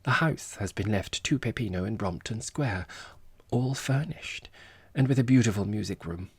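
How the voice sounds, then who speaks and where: A man's voice: fairly low pitch, moderate pace, darkish tone, slightly rough, no room sound. A man voicing an affected, self-important society woman in an audiobook, with airy, theatrical phrasing and Italian endearments. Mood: gushing. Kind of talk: audiobook character voice.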